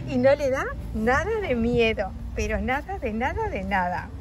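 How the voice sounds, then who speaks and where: A woman narrating a toy-play story for children, speaking gently and addressing young listeners directly. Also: on the high side, sing-song, a little slow, rough recording.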